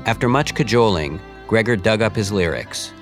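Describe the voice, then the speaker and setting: A man's voice: fairly low pitch, animated, normal speed, faint music behind. A man hosting and narrating a story segment, asking curious, probing questions. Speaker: host.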